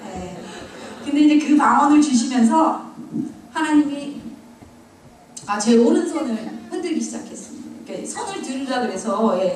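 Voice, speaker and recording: A woman's voice: fairly high pitch, darkish tone, a little hiss or hum. A middle-aged woman, a church deaconess, giving her testimony with humor, mocking herself and laughing often. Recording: very echoey hall, mic far off.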